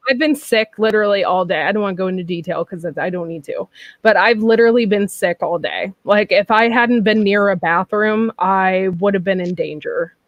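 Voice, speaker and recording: A woman in her thirties chats casually as host, frank and loose with plenty of fillers. Her voice sits at an ordinary middle pitch. The sound is dry and close. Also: moderate pace, no echo, highs cut off. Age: 30s. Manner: chatty and frank, with frequent laughs and fillers. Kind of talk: casual chat.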